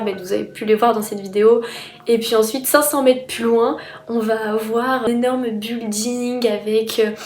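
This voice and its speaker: A young woman from France talks to her viewers in an easy, excited vlog style, her voice sitting a little high. The room is echoey, and soft music plays underneath. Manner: chatty and enthusiastic. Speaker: student vlogger. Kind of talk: casual vlog talk to camera.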